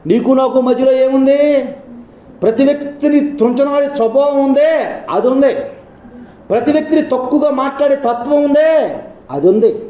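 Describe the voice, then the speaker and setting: High-voiced preaching man, echoey room. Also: moderate pace, long pauses, dark tone, dull audio. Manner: preaching with rhetorical questions and quoted dialogue. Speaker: pastor. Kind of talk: sermon.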